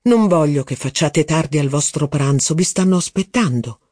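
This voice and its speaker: A man reading aloud voices an ironic, gravely ill gentleman who speaks quietly and politely. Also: a little high, expressive, moderate pace, dry recording, studio quality. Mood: wry.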